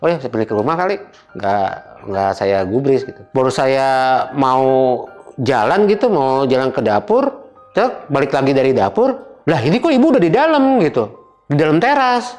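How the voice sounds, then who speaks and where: A young man, casually telling a personal ghost story as a guest, in an animated, dramatic way full of fillers. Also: medium pitch, normal speed, soft background music.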